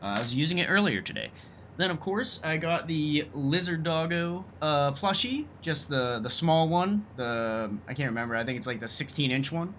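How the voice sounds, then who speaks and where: A man's voice: a little high, animated, moderate pace, fairly bright tone, slight background noise. A young man hosting a let's play, talking casually and enthusiastically, rambling a little and swearing now and then. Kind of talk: casual gameplay commentary.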